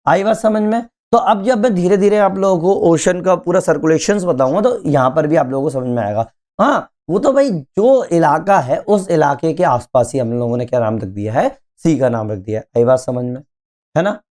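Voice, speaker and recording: A male teacher giving an exam-prep geography lecture, explaining slowly, repeating key terms and often checking that students follow. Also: on the high side, animated, darkish tone. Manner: keeps asking students if they follow.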